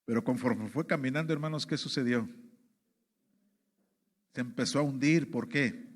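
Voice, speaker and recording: A man from Mexico preaching a sermon, constantly calling out to his brothers with rhetorical questions and halting restarts. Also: medium pitch.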